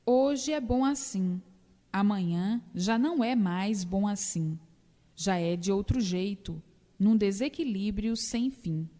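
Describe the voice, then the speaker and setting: A woman reading a doctrinal book aloud in a measured, repetitive preaching cadence. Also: mid-range voice, mellow. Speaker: reader. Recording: long reverb.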